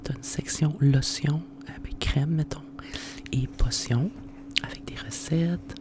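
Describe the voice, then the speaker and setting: Hushed Quebec French library whisper, ASMR host. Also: mid-range voice. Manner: informal, unhurried explaining. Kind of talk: whispered ASMR book presentation.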